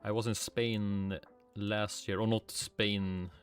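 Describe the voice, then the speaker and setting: A Swedish streamer with a Swedish accent chats casually during a game livestream, muttering to himself, swearing lightly, and answering chat. His voice is fairly low, flat, slow, and clean-toned. Faint music and keyboard typing sit in the background.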